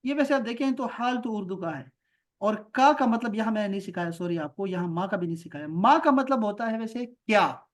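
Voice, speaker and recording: A man from Pakistan teaching an Arabic lesson, drawing out example words slowly between quicker explanations. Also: sits high, animated.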